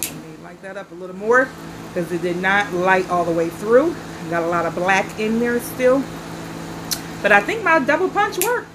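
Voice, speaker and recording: On an outdoor patio at night, a woman in her forties from the Carolinas vlogs to camera, relaxed and chatty, smoking as she talks. A stuffy nose gives her medium-pitched voice a slightly nasal quality; she speaks at normal speed against a noisy background.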